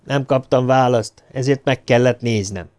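A cool, elegant gentleman in a storybook who gives orders in a calm, measured voice, as a male narrator puts him on. His pitch sits a little above the reader's own, steady and unhurried. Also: clear, resonant tone, lightly acted. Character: cool, composed, elegant older man.

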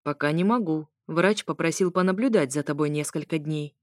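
A woman's voice: deep voice, moderate pace, no room sound, clean studio sound, natural voice. Woman reading a smug, mocking ex-husband. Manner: stern, sarcastic.

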